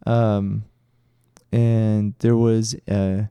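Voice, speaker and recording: A middle-aged man chats on a podcast in a mellow, darker tone. He rambles through his story with plenty of restarts. The sound is dry and close. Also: on the low side, little pitch movement, very slow, clear, resonant tone, dry recording. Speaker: podcast co-host, karate instructor. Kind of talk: casual chat.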